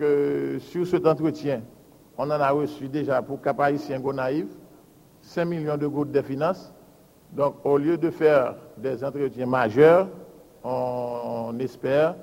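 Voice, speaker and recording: A man's voice: mid-range voice, darkish tone. Man reading budget figures in a hall. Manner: reads out lists of figures in a measured, deliberate way. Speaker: public works official. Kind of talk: formal budget presentation. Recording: hall with long reverb.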